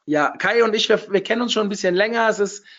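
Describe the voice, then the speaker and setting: Hoarse, high-pitched man hosting a webinar. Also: fast, fairly bright tone. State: still hoarse after losing his voice. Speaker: webinar host. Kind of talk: casual webinar moderation. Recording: dull, lo-fi webinar audio.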